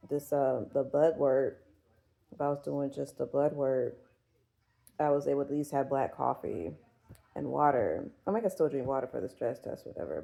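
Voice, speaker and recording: A woman in her forties talks loosely to her viewers with a gravelly, fry-laced voice. Her tone is dark and mellow. She rambles, swears freely and leans on fillers. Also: very deep voice, rough recording. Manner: rambling, profane, full of fillers. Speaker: vlogger. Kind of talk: casual chat.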